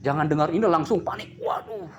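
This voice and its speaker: A man's voice: on the high side, fairly quick, lo-fi sound, crowd noise. A man preaching a sermon, joking and asking the congregation questions as they answer back. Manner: lively, jokes and asks the congregation questions.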